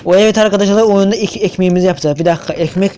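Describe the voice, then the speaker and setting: Young male gaming youtuber, mellow voice, slightly high, chatty and swearing. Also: rapid-fire, slight background noise. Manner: chatty, swears, hums and stammers. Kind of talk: casual gameplay commentary.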